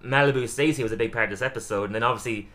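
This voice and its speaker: A man's voice: mid-range voice, very fast. A young adult man co-hosting a podcast, casually recapping a cartoon episode with lots of laughs and acted-out quotes. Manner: animated, laughs often, acts out quotes. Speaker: podcast co-host.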